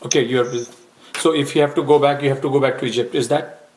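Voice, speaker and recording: Man asking brisk career questions. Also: medium pitch, steady tone, darkish tone, rough recording. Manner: brisk questioning with quick acknowledgments. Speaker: career advice host. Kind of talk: interview over a call.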